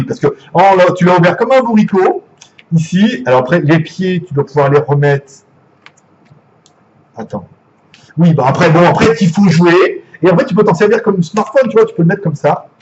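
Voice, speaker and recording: A man's voice: sits high, muffled recording, a little hiss or hum. A man with a French accent, chatty and jokey, unboxing gadgets live and swearing casually. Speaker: gadget reviewer.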